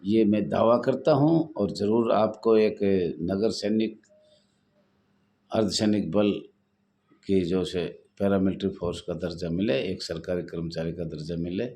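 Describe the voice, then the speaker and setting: A man's voice: deep voice, measured pace, warm tone. Earnest man pleading with supporters. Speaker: home guard association leader. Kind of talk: addressing supporters in a live online talk. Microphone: phone.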